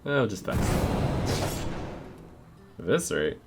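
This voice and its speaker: A man's voice: on the low side, sing-song, slow. A man giving casual, understated commentary on a video game, thinking aloud as he plays. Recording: loud game music behind voice. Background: video game music.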